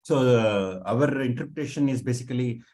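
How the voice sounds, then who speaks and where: A man explaining things informally on a video call in an online meeting, in a halting, repetitive way. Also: medium pitch, darkish tone. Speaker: working group participant presenting.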